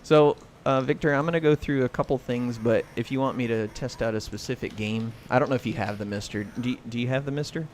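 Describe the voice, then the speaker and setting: An American man with a mid-pitched voice hosts a casual gaming livestream. He comments loosely as he plays, with clear game noise and button clatter behind him. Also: quick pace, few pauses. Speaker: livestream host and gamer. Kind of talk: casual live commentary while playing. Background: video game sound and clacking arcade buttons.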